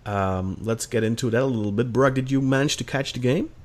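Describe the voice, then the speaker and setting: A fast-talking man in his thirties from Belgium hosts a football podcast with a mid-range voice. His casual chat is upbeat and organized.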